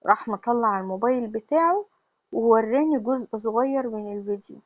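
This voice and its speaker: A woman with an Egyptian accent telling a first-person confessional story in a steady, plain way. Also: a little high, a little fast, no room sound, muffled recording. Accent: Egyptian Arabic.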